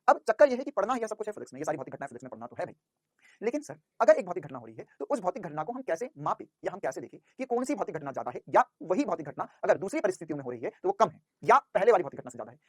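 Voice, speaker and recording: A man's voice: high-pitched, dry recording, clean studio sound. A man teaching a physics class, who asks questions and answers them himself and calls his students "बेटा".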